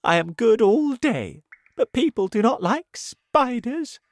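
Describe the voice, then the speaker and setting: A man voicing a lonely, sad giant female spider in a storybook reading, speaking high and plaintive. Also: very animated, slow, no echo, studio quality, exaggerated voice.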